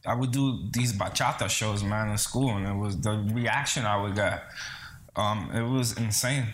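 With slight background noise behind him, this interview guest speaks at normal speed in a fairly low, fairly bright voice. The Bronx-based singer-songwriter, raised early on in the Dominican Republic, sounds casual and earnest, often hesitating and repeating himself.

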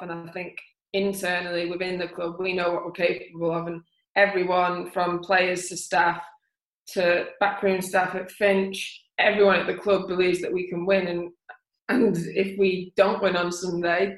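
A woman footballer, a podcast guest, chatting in a relaxed way and thinking aloud. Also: fairly low pitch, normal speed, reverberant, rough recording. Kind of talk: casual podcast chat.

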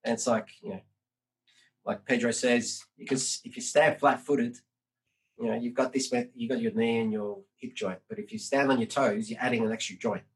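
A man's voice: mid-range voice, fairly even intonation, normal speed, low-quality recording. A man hosting a casual podcast conversation, talking in a rambling way with many fillers. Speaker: podcast host.

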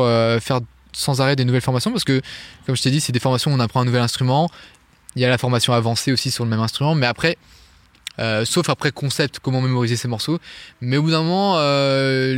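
A man from France talks fast and loosely in a casual interview, full of fillers and quick restarts. His voice sits at a middle pitch, recorded dry and close with no room sound. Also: no echo. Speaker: guest, online Irish music teacher.

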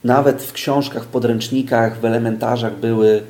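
A man's voice: medium pitch, steady tone, normal speed, a little mellow, echoey room. A man who teaches speed reading, explaining it patiently in an interview with everyday examples and frequent hesitations.

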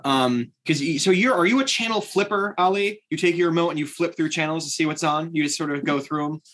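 Casting a brash, swearing podcast co-host in his thirties, slightly high voice. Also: fairly quick. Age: 30s. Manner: brash, profane, animated. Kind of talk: casual chat.

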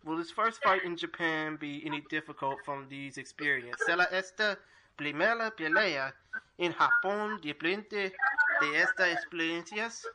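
Slow-speaking male co-host, noisy line. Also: fairly high pitch. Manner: careful, apologetic about rusty second language. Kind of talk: interview questions.

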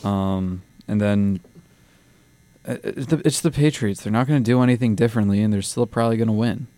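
Casting: young male co-host, low voice, grumpy and curt, dry mic. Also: fairly quick, warm tone, no echo. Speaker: sports radio co-host. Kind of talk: casual sports banter.

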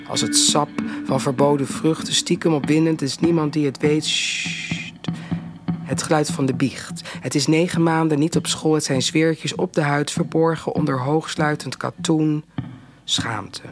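Gravelly man reciting spoken word. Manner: low, intense recitation with hushed whispers.

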